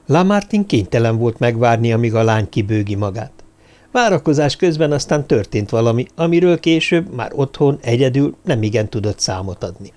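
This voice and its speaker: A man narrating a novel in an expressive storytelling manner. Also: medium pitch. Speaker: audiobook narrator. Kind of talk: scripted narration.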